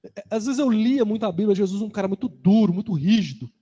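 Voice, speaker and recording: Mellow high-voiced Brazilian man in reverberant hall. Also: quick pace, slightly rough. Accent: Brazilian Portuguese. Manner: relaxed, conversational, personal anecdotes. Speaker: Bible class co-teacher. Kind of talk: casual Bible class talk.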